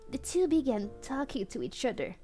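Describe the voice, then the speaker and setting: Faint music plays as this streamer reads fan fiction aloud for laughs, her high-sitting, dark-toned voice expressive and moderately paced. Giggling keeps interrupting the reading, and she chats to viewers between lines.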